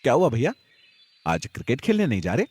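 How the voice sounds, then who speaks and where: A man's voice: medium pitch, huge pitch swings, fast talker, a little mellow, breathy edge, pitched above the performer's own voice. A man voicing Radha, a teenage village girl chiding her older brother in a matter-of-fact way in a Hindi audio story. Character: teenage village girl, bossy younger sister.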